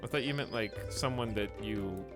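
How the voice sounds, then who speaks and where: Speaking at a moderate pace in a lowish voice, a man plays a building game on stream, rambling casually with his chat and thinking aloud as he goes. There's game music in the background.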